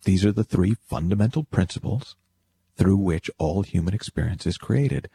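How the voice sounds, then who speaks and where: This spiritual teacher's voice sits low and sounds gravelly and mellow with a breathy edge, delivered at a moderate, animated pace with no echo. Speaking straight to the listener, he explains and motivates, leaning on emphasis and rhetorical questions.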